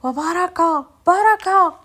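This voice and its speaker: A woman voicing an angry young man who shouts in shock at his mother, in a Moroccan accent. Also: extremely high pitch, expressive, fast, pitched above the performer's own voice. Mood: outraged.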